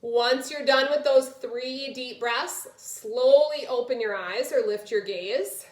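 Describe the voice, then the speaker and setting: A woman's voice: sits high, slow pace. A woman yoga instructor guiding a chair class, giving short step-by-step cues. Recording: echoey room, distant microphone.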